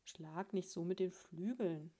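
A woman reading a storybook, voicing a prim, self-assured female sparrow who lectures her husband in a patronizing, gently scolding way. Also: on the low side, a little slow. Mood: lecturing.

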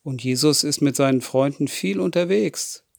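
A man's voice: fairly high pitch, moderate pace, creaky, a little mellow, no echo, clean studio sound. A man telling a Bible story to children, often stopping to ask them questions. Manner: asks the listening children questions.

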